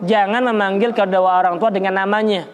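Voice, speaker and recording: An Islamic religious teacher with a notably high voice leads a study lecture in a relaxed, conversational manner, a little fast. He quotes Arabic verses and explains them, repeating points for emphasis and often stumbling into restarts.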